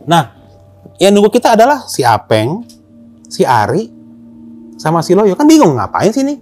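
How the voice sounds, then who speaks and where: Man, casual storyteller, lively pitch, faint music behind. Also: normal speed. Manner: animated, acts out dialogue in slang. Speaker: storyteller guest.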